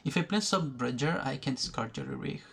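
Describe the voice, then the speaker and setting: A man giving educational commentary over a card game, thinking aloud slowly, pausing often and restarting his sentences. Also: mid-range voice, vocal fry, a bit bright, breathy edge. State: has the hiccups. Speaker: gaming video creator. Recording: faint background noise, poor recording.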